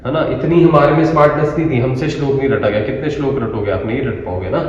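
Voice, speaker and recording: A man's voice: mid-range voice, quick pace, darkish tone. A man teaching Ayurveda to students. He explains step by step, asks himself rhetorical questions and checks in with "theek hai". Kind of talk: classroom lecture to students. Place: classroom with a blackboard. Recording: distant mic in an echoey room, dull sound.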